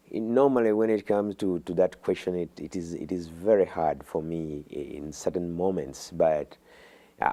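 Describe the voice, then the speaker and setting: A middle-aged man from Uganda, a guest in an interview, talking haltingly with many fillers and restarts. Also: low-pitched, creaky, mellow. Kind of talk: interview conversation.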